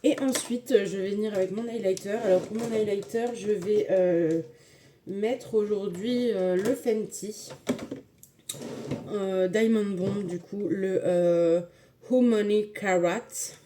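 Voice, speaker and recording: A woman's voice: mid-range voice, a little slow, noisy background. A woman casually talking viewers through a makeup tutorial, chatty and enthusiastic, with frequent hesitations. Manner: chatty, filler-heavy, enthusiastic about products.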